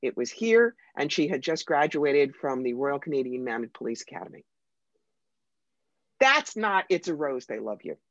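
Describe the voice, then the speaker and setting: An American psychic medium, interviewed as a guest, tells stories in an animated, emphatic and wry way. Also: mid-range voice, normal speed, no echo. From United States. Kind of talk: conversational interview storytelling. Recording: dry, slightly dull lo-fi sound.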